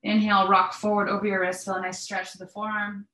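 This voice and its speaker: A woman instructor guiding a stretching class with breathing cues in a calm, measured, step-by-step manner. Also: medium pitch. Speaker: yoga and mobility instructor. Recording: echoey, roomy sound.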